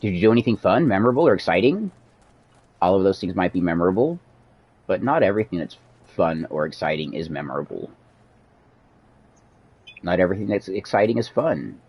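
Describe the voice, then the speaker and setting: A man chatting casually with viewers and a friend while streaming a video game, greeting chatters loudly and rambling between moves. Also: low-pitched, a little fast, long pauses, slightly rough, lo-fi sound. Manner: animated, loud greetings to chat viewers. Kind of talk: casual gaming stream chat.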